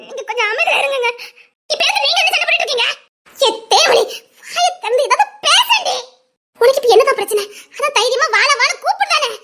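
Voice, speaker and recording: A woman's voice: extremely high pitch, expressive, fast, pushed and bright, heavily acted. A woman playing an emotional, pleading young village wife in a melodramatic drama, speaking with a Tirunelveli Tamil accent. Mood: anxious.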